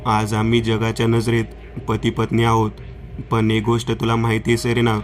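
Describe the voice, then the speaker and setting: A man's voice: mid-range voice, close to an everyday voice. A man doing a sorrowful woman of seventy. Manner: slow, sorrowful, confessing. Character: grieving woman of seventy, remorseful.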